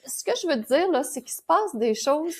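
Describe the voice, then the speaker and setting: A high-pitched woman with a Québécois French accent, the founder of a spiritual school, is a guest on a conversational podcast interview. Speaking at normal speed, she tells lively stories and explains her ideas, laughing now and then as she goes.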